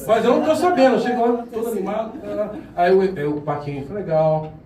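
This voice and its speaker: A man who is a pianist, telling a story to a live audience in an animated, laughing way and acting out the voices he quotes. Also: high voice, fast talker, crowd noise. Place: room with a small audience. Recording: echoey room, mic at a distance.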